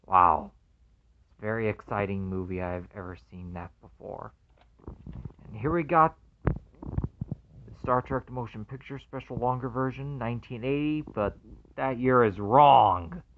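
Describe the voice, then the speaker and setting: A man unboxing a movie collection in casual commentary, earnestly excited, reading the labels aloud and calling each one very amazing. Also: mid-range voice, unhurried, pauses often, phone-quality sound, a little hiss or hum.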